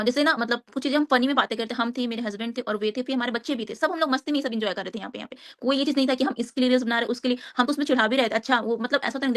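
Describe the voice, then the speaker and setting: Fast, rambling woman guest. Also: fairly high pitch, fairly bright tone. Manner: rambling, repeats herself, defensive. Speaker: guest on a live panel. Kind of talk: live-stream conversation.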